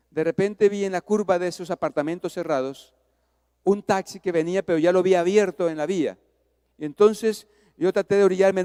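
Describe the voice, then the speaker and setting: A man, a pastor preaching a sermon, swinging from hushed to loud as he acts out a story. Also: high voice, smooth, long reverb tail. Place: church.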